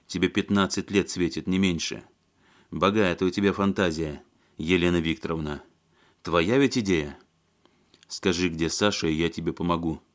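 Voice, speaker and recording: A man's voice: deep voice, steady tone, moderate pace, natural voice. A man voicing a desperate, furious man who presses hard with his questions in an audiobook. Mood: urgent, grim. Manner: intense, pressing.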